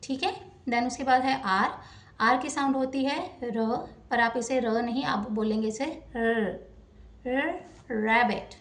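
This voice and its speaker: High-voiced woman teaching phonics. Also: recorded from a distance. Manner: slow, careful demonstration of sounds. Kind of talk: phonics lesson for kids. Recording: echoey room, voice off-mic.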